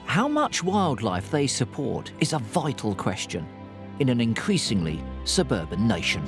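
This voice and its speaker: Very expressive male documentary narrator. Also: mid-range voice. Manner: measured, explanatory. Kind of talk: scripted narration. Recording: voice-over with music. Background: music.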